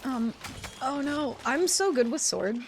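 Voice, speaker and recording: A playful woman streamer narrating her game live, her voice leaping high into squeals and cracks when startled. There is a gravelly fry in her lower talk, and the live stream audio carries a noisy hiss. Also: animated, measured pace. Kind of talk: casual live gameplay commentary.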